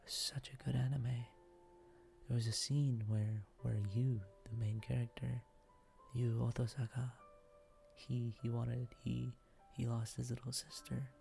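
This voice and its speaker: A man whispering softly in an intimate, affectionate boyfriend roleplay for ASMR. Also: mid-range voice, little pitch movement, a little slow, gravelly, soft background music.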